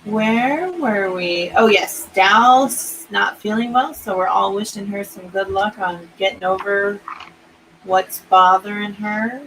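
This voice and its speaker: A woman's voice: medium pitch, takes it slowly, fairly bright tone, a little hiss or hum, poor audio. A woman hosting a casual writing chat over a video stream, talking in loose, laughing stories with trailing restarts.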